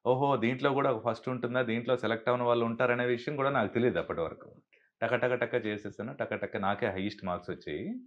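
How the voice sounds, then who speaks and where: A dubbing artist from Andhra Pradesh, India, tells stories in a casual interview, animatedly acting out the voices of the people he quotes. His mid-range voice is fast, and the highs are cut off.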